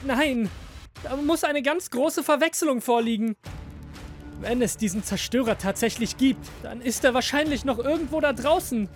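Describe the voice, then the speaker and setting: A narrator voicing a desperate trapped man who pleads and shouts for help in a horror audio drama. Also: high-pitched, moderate pace, soft background music, voice pushed up, natural voice. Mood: pleading. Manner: pleading, frantic.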